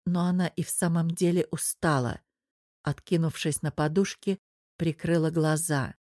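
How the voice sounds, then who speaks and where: A woman narrating an audiobook in a measured, expressive storytelling voice. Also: deep voice, dry recording, clean studio sound.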